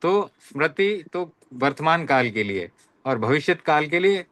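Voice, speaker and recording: A man teaching a Sanskrit class, reciting verb forms one by one in slow, repeated drills and often checking that students follow. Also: on the high side, very animated, fairly bright tone, no room sound. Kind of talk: online class lesson.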